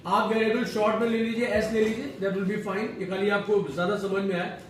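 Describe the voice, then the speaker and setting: A male teacher with a fairly high voice walks a class through code, switching between Hindi and English and firing questions at the students. He sounds far from the microphone in a very echoey room with faint ambience behind him. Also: flat delivery, fairly quick, slight background noise. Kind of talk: classroom programming lecture. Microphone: far from the mic.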